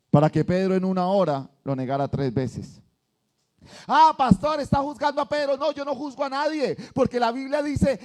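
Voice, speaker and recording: A male pastor, preaching an animated sermon and acting out the voices of churchgoers. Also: very high-pitched.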